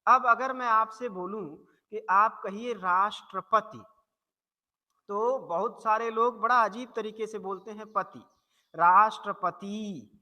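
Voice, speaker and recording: High bright teacher voice in an echoey hall. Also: male voice, muffled recording. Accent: Hindi-speaking north Indian. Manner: slow, deliberate, repeats example words to model pronunciation. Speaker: Hindi teacher. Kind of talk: explanatory classroom lesson.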